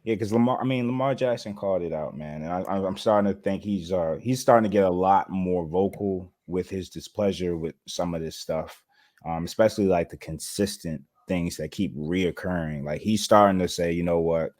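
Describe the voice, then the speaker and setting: A man with a lowish voice chatting sports with friends. He speaks emphatically, pressing his points. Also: moderate pace, darkish tone. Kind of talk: casual sports talk.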